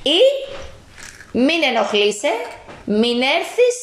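A woman voicing an angry male ghost school principal in a storybook, speaking sternly and slowly. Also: sits high, expressive, roomy sound, a little hiss or hum.

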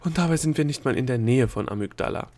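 A man voicing a frantic male gnome in an audiobook, with a croaky voice that cracks when he shouts. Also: mid-range voice, normal speed, natural voice. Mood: pleading. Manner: panicky, insulting outbursts. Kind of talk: audiobook character voice.

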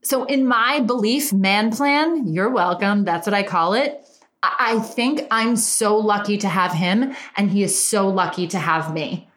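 A woman's voice: mid-range voice, unhurried, a bit bright. Valley Girl woman, coach monologue, emphatic and chatty, roomy echo. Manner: chatty and emphatic, repeats words for stress. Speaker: relationship and business coach. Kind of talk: motivational monologue.

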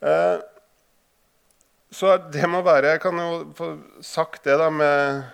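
A man's voice: on the high side, fairly even intonation, clear, resonant tone. A man giving a talk to an audience, telling a story with lots of filler sounds and restarts and reading passages aloud from his own book. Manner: hesitant, many filler sounds and restarts when speaking freely.

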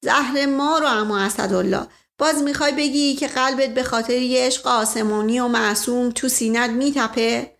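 A woman voicing a flirtatious, blustering middle-aged nobleman who talks theatrically and keeps exclaiming "momento". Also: high-pitched. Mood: worldly.

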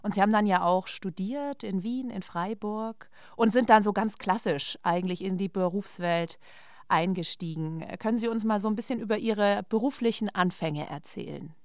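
A woman's voice: medium pitch, moderate pace, no room sound, clean studio sound. A woman interviewing a guest, asking questions in a friendly, conversational way.

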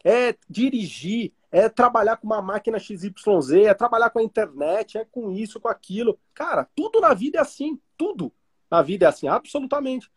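A man's voice: high-pitched, animated, a little fast, fairly bright tone, husky. A man with a Brazilian Portuguese accent, a trading teacher chatting casually and explaining through everyday analogies. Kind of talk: casual podcast chat.

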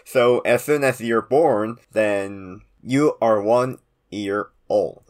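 A man in his twenties speaks in a fairly low voice with a Korean accent. He explains things in a casual way, with non-native English phrasing. His V sounds don't come out as a native speaker's would. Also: slow. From South Korea. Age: 20s. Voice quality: trouble pronouncing V sounds. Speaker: podcast co-host explaining Korean customs.

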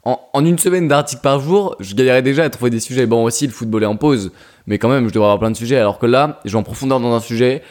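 A young man co-hosting a casual podcast, talking in a relaxed way with many hesitations and fillers. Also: mid-range voice, quick pace. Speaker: podcast co-host.

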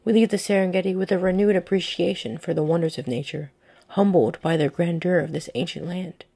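A woman hosting a podcast in the style of a scripted nature documentary, with earnest, descriptive and measured storytelling. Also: on the low side, creaky, warm tone, breathy edge. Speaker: podcast host.

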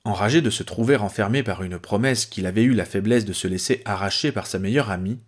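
A man narrating a story aloud with a low, husky voice. His delivery is lively, his pitch moving freely through each sentence. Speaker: reader. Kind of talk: reading fan fiction aloud.

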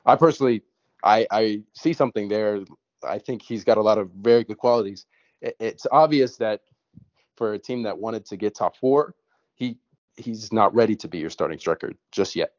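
American man, low voice, casual football podcast chat, hesitant restarts, dry dull mic. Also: moderate pace, a little mellow, dry recording. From United States. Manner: hesitant, restarts often, says "like" a lot. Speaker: podcast panelist.

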